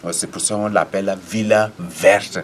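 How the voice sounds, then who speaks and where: Low-voiced man preaching. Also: steady tone, moderate pace, a little hiss or hum. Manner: commanding, repetitive declarations with sudden emphatic rises. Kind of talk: deliverance prayer and preaching.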